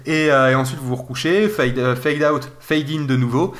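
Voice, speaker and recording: A man's voice: medium pitch, moderate pace, fairly bright tone. A man in casual chat, describing a video game with many fillers and restarts. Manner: rambling, hesitant, lots of fillers. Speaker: video game podcast co-host.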